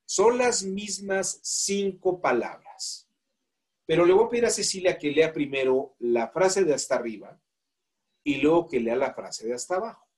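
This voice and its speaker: A man's voice: a little high, lively intonation, moderate pace, a little mellow. A man with a Mexican accent teaching a law class, asking the students questions and coaxing volunteers to read aloud. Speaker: law course instructor. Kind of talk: classroom lecture.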